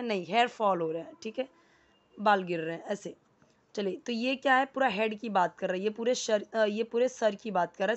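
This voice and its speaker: A woman's voice: mid-range voice, lo-fi sound. A woman teaching a casual lesson, patiently explaining and repeating words, often checking in with the listener. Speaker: English teacher.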